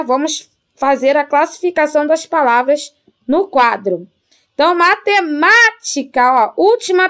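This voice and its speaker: A Brazilian woman teaching young children, her voice sitting high. She speaks patiently, drawing out example words slowly and often checking that the class is following along. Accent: Brazilian Portuguese. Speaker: primary school teacher. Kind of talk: recorded remote class lesson.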